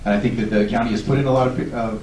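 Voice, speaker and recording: Talking very fast in a steady, mid-range voice with a slightly mellow quality, a Southern California candidate in his forties addresses a public forum earnestly and self-assuredly, giving a speech and answers. A distant tablet mic captures the echo of the large hall and a little faint noise.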